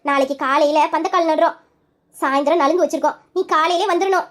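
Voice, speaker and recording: A high young voice playing a widowed sister-in-law who consoles a younger woman in a soothing, motherly way. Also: steady tone, fast, natural voice. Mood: calm, practical.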